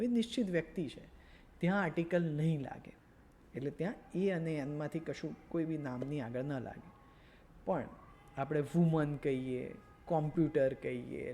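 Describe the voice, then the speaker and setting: A man's voice: on the high side, darkish tone, a little hiss or hum. A man with a Gujarati accent teaching a beginner grammar lesson, patiently repeating words and checking understanding. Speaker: English teacher.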